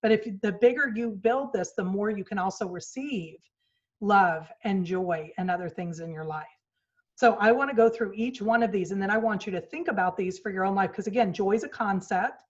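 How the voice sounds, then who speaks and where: Woman telling an earnest story, slightly muffled. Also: medium pitch. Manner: earnest storytelling, acts out quoted lines with shifts in tone. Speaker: speaker at a virtual retreat. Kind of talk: motivational talk. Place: home office. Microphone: video call mic.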